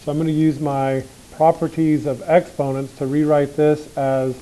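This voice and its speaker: In a classroom lecture, a man with a slightly high but dark-toned voice teaches math loosely and jokingly, at a normal speed with a flat delivery. He keeps asking the class questions while working through each step on the board, captured on a low-quality recording.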